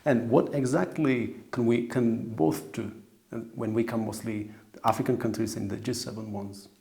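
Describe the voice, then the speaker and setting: A man interviewing an ambassador, asking halting questions that he often restarts. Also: mid-range voice, steady tone, creaky, warm tone.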